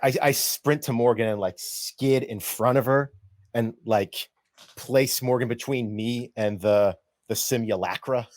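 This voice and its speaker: A man's voice: mid-range voice, unhurried, dry recording. Hesitant man playing a tabletop game. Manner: hesitant, stammering. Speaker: player.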